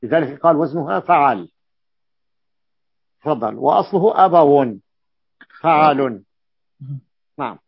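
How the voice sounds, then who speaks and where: A man's voice: fairly high pitch, lively intonation, measured pace, creaky, pauses often, breathy edge, dry recording. A man teaching a classical grammar lesson, repeating key terms and asking his students checking questions. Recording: dull lo-fi dry recording.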